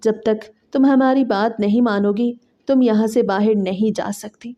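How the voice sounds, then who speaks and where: A woman's voice: a little high, fairly even intonation, highs cut off, close to an everyday voice. A woman voicing a cold, indifferent husband who locks up his wife. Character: cold, controlling young husband.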